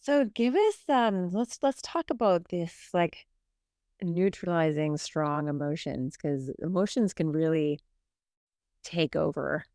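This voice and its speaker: A woman's voice: on the low side, animated, slow pace, warm tone, dry recording, clean studio sound. A woman hosting a podcast interview, upbeat and affirming. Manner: upbeat, affirming, laughs often. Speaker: podcast host.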